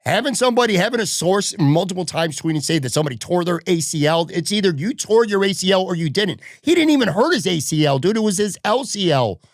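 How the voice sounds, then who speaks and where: A man's voice: high voice, expressive, fast, few pauses, no room sound, studio quality. A man hosting a sports podcast, talking bluntly and heatedly in casual chat, swearing freely. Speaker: podcast host.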